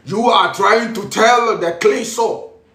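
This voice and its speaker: Slow and sharp in tone, this high-sitting male voice preaches a repetitive spiritual lesson in Ghanaian-accented speech, moving back and forth between English and Twi. He's heard from a distance in an echoing room.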